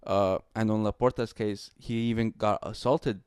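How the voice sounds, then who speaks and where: A man with a low, smooth voice talks through football matches on a podcast, steady and explanatory. The sound is dry and close, with no room around it. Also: no room sound. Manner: measured, explains calmly, many "you know" fillers. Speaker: podcast co-host. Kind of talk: casual sports chat.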